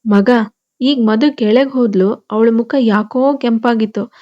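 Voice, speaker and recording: A woman's voice: a little high, a little slow, dark tone, muffled recording, pitched above the performer's own voice, close to an everyday voice. A woman voicing a teasing young male best friend in a storybook reading.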